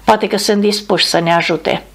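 A woman reading the lines of a male bomber captain who gives steady, commanding orders. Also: mid-range voice, close to an everyday voice. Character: man, a calm bomber captain giving orders.

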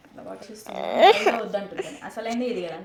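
Fast-talking coaxing Telangana mother. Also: medium pitch, expressive, crowd noise. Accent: Telangana Telugu. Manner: coaxing, repeats words over and over. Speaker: vlogger mother. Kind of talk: casual home vlog. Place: at home.

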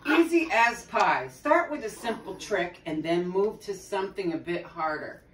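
A middle-aged woman with a mid-range voice reads a children's story in an unhurried, expressive way, addressing the children and prompting them with chatty asides. She is recorded by a phone camera a few metres away in a small tiled sitting room at home, giving roomy, distant audio with background noise.

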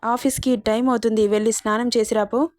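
A woman's voice: on the high side, little pitch movement, fast talker, a little mellow, no echo, studio quality, close to an everyday voice. A woman voicing a loving old grandmother. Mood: soothing. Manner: soothing, consoling. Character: loving protective elderly grandmother, gentle.

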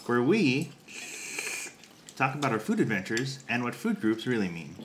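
A man's voice: medium pitch, big pitch swings, normal speed, background noise. A man hosting a podcast at a restaurant table, chatting casually, laughing often and trying to keep things moving. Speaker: podcast host. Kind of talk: casual chat. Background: dishes and cutlery clatter.

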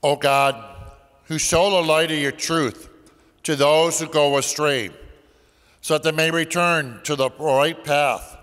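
A priest leading the prayers of Mass at a pulpit microphone, reciting in a measured, solemn way. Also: male voice, a little high, fairly even intonation, fairly bright tone. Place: large church. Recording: long church reverb.

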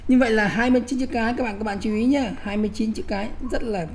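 A woman's voice: fairly high pitch, steady tone, rapid-fire, a little mellow, slight background noise. A middle-aged woman giving a spoken lecture to teachers, emphatic and repetitive, often checking that listeners follow. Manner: emphatic, repeats words, frequent "nhé" asides.

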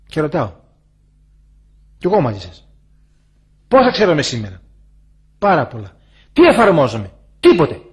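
Husky older man preaching. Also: fairly high pitch, huge pitch swings, pauses often. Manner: preaching with rhetorical questions and emphatic repetition. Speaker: monastic elder. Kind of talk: sermon.

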